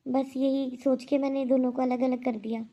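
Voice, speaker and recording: A woman voicing a proud elderly aunt who scolds loudly and with indignation in a cartoon. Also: high voice, flat delivery, moderate pace, natural voice. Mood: indignant.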